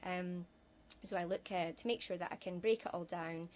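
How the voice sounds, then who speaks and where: A woman's voice: fairly low pitch, steady tone, normal speed, muffled recording. A woman talking casually as a guest on a talk show, chatty and a little hesitant with fillers. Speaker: guest businesswoman. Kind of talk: casual interview chat.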